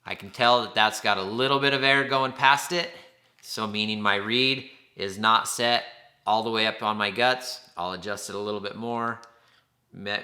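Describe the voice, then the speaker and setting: A man's voice: fairly low pitch, background noise. A man giving an informal, plain-spoken instructional demonstration, explaining things step by step.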